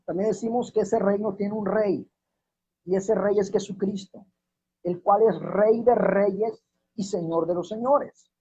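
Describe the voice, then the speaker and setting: A man preaching a sermon as minister, slowing down and repeating verses to drive his points home. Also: high voice, fairly even intonation, warm tone, slightly rough. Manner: slows and drops his voice to stress key words, repeats verses. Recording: dull lo-fi recording.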